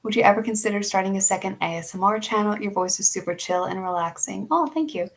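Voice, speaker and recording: A young woman from Philadelphia, USA, talks fast in a gravelly, mid-range voice with a Philly accent. She chats casually on a live stream, answering viewer questions and laughing often.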